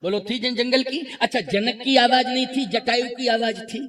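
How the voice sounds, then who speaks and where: Man, preacher, very high bright voice, devotional sermon, quizzes the audience, echoey hall with faint music. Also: steady tone, moderate pace. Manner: questions the audience and urges answers; storytelling with acted quotes. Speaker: spiritual preacher. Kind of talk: devotional scripture discourse. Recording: echoey room, distant mic, faint music.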